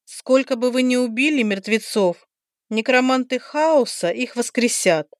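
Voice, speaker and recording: A woman's voice: on the high side, no room sound, voice pushed up, close to an everyday voice. Stern goddess of death, proud and commanding, read by a woman narrator. Dry, close sound. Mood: stern, imperious. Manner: commanding, slow and emphatic. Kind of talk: audiobook character voicing.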